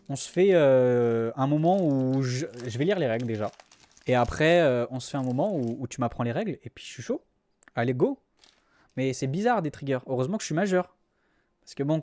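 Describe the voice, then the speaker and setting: A man's voice: medium pitch, a little mellow. A young man streaming, chatting casually and joking with his chat, teasing and rambling.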